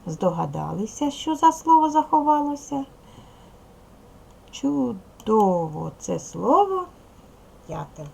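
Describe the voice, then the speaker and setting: A woman's voice: a little high, big pitch swings, slow, gravelly, pauses often, darkish tone, rough recording. A woman primary school teacher giving a recorded video lesson to young pupils, patiently explaining, asking questions and praising answers.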